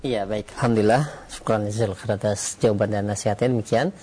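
Courteous low-voiced man moderating Q&A. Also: fairly even intonation, a little fast, darkish tone, slightly rough. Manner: courteous, deferential. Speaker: moderator reading questions to the preacher. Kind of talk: polite religious Q&A moderation.

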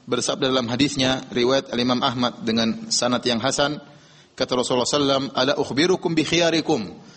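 Male preacher talking fast and animated, a bit husky and high-ish, lots of "why?" questions, long echo like a big hall. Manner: animated, rhetorical questions, recites Arabic quotations. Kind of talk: religious lecture.

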